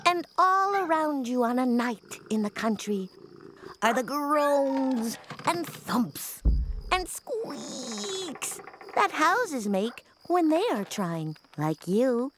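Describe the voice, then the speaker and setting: A dutiful cartoon robot babysitter. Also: female voice, high voice, very animated, slow pace, slight background noise, full character voice. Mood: soothing storytelling. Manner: stiff, programmed phrasing that switches into a soft storytelling voice. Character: female robot babysitter, literal-minded and dutiful. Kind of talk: reading a bedtime story aloud.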